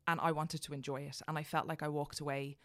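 Low-pitched Irish woman, emphatic. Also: level tone, fast, a bit bright. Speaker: podcast guest. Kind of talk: casual conversation, telling personal anecdotes.

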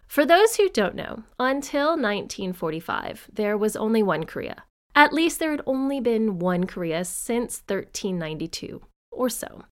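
A woman's voice: a little high, very animated, moderate pace. A woman hosting a podcast in scripted narration with chatty asides, her voice stuffy-nosed and congested from a cold. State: under the weather with a cold. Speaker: podcast host.

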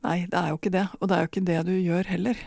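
A woman explains parenting ideas in a calm, measured way. Her voice is warm and mellow. The recording is dry and close, with no room sound. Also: fairly low pitch, creaky, dry recording. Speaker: parenting expert guest. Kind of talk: calm advice in conversation.

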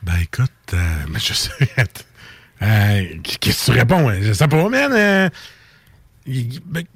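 Jokey Québécois radio co-host. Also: male voice, medium pitch, very animated, a bit bright, breathy edge, no room sound. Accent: Quebec French. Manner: jokey, quick interjections. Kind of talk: casual radio banter.

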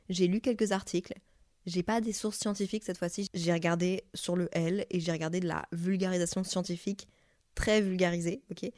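Casting note: young French woman, podcast host, chatty and candid, mellow low voice, dry close sound. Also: no echo. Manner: chatty, candid, swears freely. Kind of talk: casual confessional podcast monologue.

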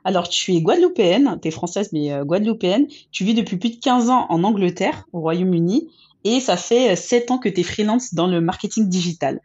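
Husky-voiced upbeat woman podcast host. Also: medium pitch, animated, fairly quick, mellow, lo-fi sound. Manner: fluent and upbeat, with some fillers. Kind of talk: podcast intro and interview.

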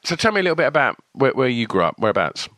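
A man hosting a conversational interview, telling a personal story in an animated way and laughing as he talks. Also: medium pitch, rapid-fire, no echo. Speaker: podcast host.

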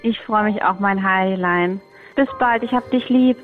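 A woman's voice: medium pitch, unhurried, soft background music. A woman podcast co-host chatting casually and laughing easily, heard over a phone line. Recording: tinny dry phone line.

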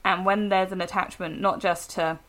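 A woman co-hosting a podcast in casual, animated chat, rambling with restarts. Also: fairly low pitch, normal speed. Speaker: podcast co-host.

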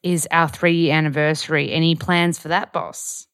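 A woman's voice: sits low, fairly even intonation, normal speed, fairly bright tone, smooth, dry recording, studio quality. A woman with a broad Australian accent hosting a casual, playful, slangy chat interview. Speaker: podcast host.

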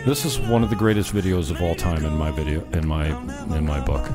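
A man's voice: deep voice, brisk. A man rambles casually and profanely to his viewers in natural, unscripted talk, as host of his own online show. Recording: music playing behind the voice. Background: music.

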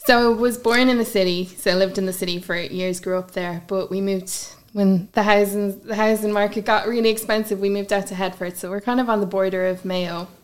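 A Galway woman from the west of Ireland, a blogger guesting on a podcast, chats casually in an interview, dropping plenty of "like" and "you know." Her medium-pitched voice keeps a fairly even intonation, and she talks briskly with few pauses.

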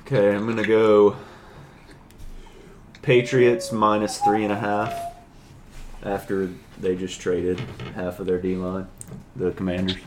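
A man's voice: on the low side, flat delivery, unhurried, long pauses. A man co-hosting a casual football podcast, easygoing and a little hesitant. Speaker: podcast co-host. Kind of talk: casual chat about football picks. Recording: clear background noise.

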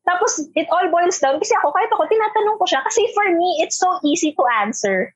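This very high-pitched, fast-talking woman in her twenties is from Metro Manila, Philippines, and tells animated stories in casual chat with a Filipino accent. Feisty and talkative, she switches between Tagalog and English and acts out quoted voices, and the recording is dry and slightly muffled with no echo.

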